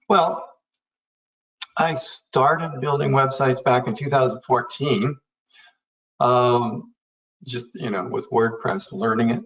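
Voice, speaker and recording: A man with a Canadian accent and a gravelly, creaky voice talks in a loose, rambling way, full of fillers. He sits a little way back from the mic, and the call audio comes through muffled and dull. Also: mid-range voice, takes it slowly, pauses often, far from the mic. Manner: rambling, relaxed, with fillers and laughs. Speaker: web designer sharing his experience. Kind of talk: casual storytelling on a webinar call.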